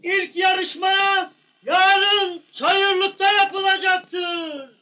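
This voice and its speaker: An actor playing a loud village town crier in a film, shouting a public announcement in a drawn-out, sing-song way. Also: male voice, very high voice, steady tone, muffled recording, exaggerated voice. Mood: proclaiming. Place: outdoors in a village square. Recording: noisy, distant old film sound.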